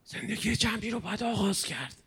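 A man preaching a mourning sermon in an impassioned way, swinging from hushed passages to loud ones. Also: sits high, lively intonation, slightly rough.

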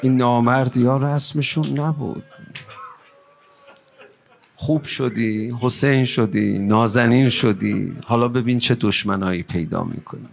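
A man leads a mourning recitation in a voice of ordinary pitch for a man. His delivery is impassioned and pleading. At times it swells into a chant. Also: fairly even intonation, gravelly. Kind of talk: emotional mourning recitation to a gathering.

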